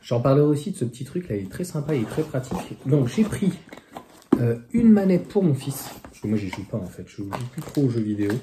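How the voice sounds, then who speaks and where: A man's voice: medium pitch, very animated, fast, noisy background. A man reviewing car accessories in a casual, chatty way, with many fillers and restarts. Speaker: electric car vlogger.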